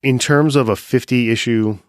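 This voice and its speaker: A man's voice: medium pitch, steady tone, moderate pace, clean tone, dry recording, studio quality. A man co-hosting a podcast in casual chat, eagerly telling stories as a fan. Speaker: podcast co-host.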